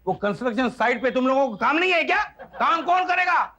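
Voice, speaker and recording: A man playing a loud, fussy manager who scolds workers in a TV sitcom. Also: very high-pitched, lively intonation, a little fast, heavily acted. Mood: scolding. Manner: scolding, shouty. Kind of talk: sitcom acting.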